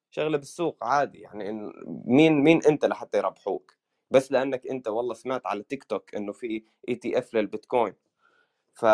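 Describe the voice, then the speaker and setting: Very fast-talking man with a Levantine accent. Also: mid-range voice. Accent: Levantine Arabic. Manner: mixes English words into Arabic. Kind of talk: casual chat about crypto markets.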